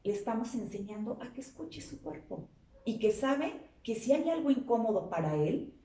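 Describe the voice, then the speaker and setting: Female psychologist guest, earnest and explanatory, low mellow tone, miked from a distance in an echoey room. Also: animated, normal speed. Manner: earnest, explanatory, asks rhetorical questions. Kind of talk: interview on a talk show. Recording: roomy sound from a distance.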